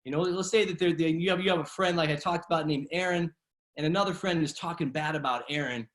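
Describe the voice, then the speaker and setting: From home over online video, a man coaches a kids' martial arts class, casual, encouraging and upbeat, often checking in with "right?". He talks fast in a fairly high, slightly bright voice.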